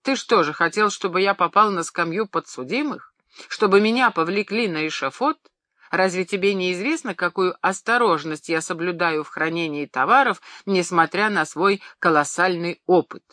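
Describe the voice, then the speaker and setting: A pompous, excitable middle-aged pharmacist rants and scolds at full volume, as an audiobook reader puts him on. The voice is pushed higher than the reader's own, bright and tense. It is recorded close and dry, with no room sound. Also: moderate pace, no echo. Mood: furious ranting. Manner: ranting, shouting in outrage. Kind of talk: audiobook character reading.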